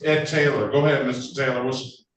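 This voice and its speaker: A man presiding as a judge over court proceedings, brisk and procedural with chatty asides, heard in a courtroom recording. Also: medium pitch, little pitch movement. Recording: echoey courtroom, distant mic, faint noise.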